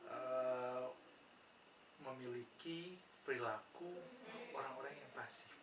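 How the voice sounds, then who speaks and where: A man with an Indonesian accent explains psychology as a nursing lecturer, pausing on "ya" and posing rhetorical questions. He sounds far from the microphone in an echoey room. A clear background hiss sits under his voice. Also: mid-range voice. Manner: patient, asks rhetorical questions and answers them, frequent "ya" fillers. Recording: roomy, distant mic, noisy background.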